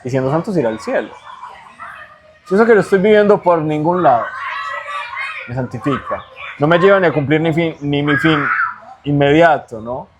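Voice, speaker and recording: A man's voice: fairly high pitch, lively intonation, moderate pace, long pauses, noisy background. A man as an interview guest, giving earnest spiritual teaching in a conversational way and checking in with rhetorical tag questions.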